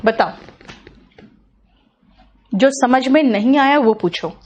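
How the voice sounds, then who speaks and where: A woman's voice: sits high, lively intonation, slow, a little mellow, lo-fi sound. A woman with an Indian accent teaching English pronunciation in an online class, patiently repeating sounds and checking that students follow.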